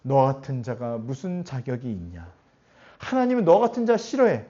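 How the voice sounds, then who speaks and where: A man's voice: mid-range voice, very animated, moderate pace, dark tone, natural voice. A man putting on the voice of a sneering male devil who taunts and accuses, on a dull lo-fi recording. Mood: taunting. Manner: mocking, scornful.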